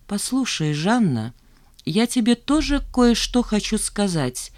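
A woman's voice: mid-range voice, sing-song, measured pace, a little mellow, no room sound, clean studio sound. A woman voicing a cold, haughty female chief accountant who speaks in a cutting tone. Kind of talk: audiobook character voice.

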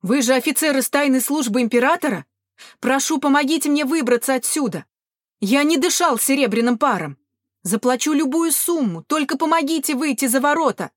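A woman voicing a panicked townsman who shouts desperately for his lost money. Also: high-pitched, expressive, a little fast, no echo, clean studio sound, pitched above the performer's own voice. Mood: frantic.

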